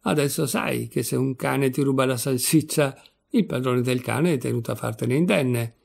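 A man voicing a placid, pompous old lawyer who lectures calmly and keeps calling others "my son", in a gravelly voice. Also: medium pitch, normal speed. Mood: smug lecturing.

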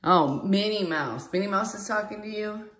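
A young mother at home, patiently and gently asking her small child questions. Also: mid-range voice, expressive, moderate pace. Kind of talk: casual chat with a young child. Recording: echoey room.

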